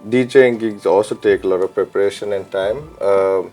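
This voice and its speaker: A man in his thirties from Sri Lanka, a chef and DJ, answering interview questions in a relaxed, reflective way with many ums and uhs, on a lapel mic in a studio. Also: fairly low pitch, normal speed, faint music behind. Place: studio set with pink backdrop.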